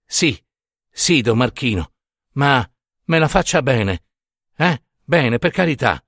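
A man's voice: medium pitch, big pitch swings, takes it slowly, a bit bright, no echo, clean studio sound, heavily acted. A man voicing a devout, pleading peasant mother. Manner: humble, anxious pleading.

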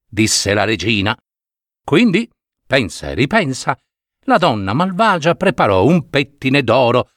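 A man reads a fairy tale aloud at a slow, unhurried pace. His pitch rises and falls expressively. The recording is dry and close. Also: fairly bright tone, dry recording. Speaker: storyteller.

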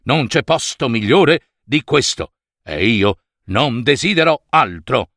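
A man's voice: mid-range voice, takes it slowly, dry recording, studio quality, heavily acted. A man voicing a cautious, contented older father snail in a storybook reading. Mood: calm. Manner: calm, grumbling.

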